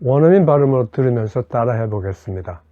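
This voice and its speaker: A man teaching English grammar step by step and leading slow repetition drills. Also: medium pitch, lively intonation, faint music behind. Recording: dull lo-fi dry recording.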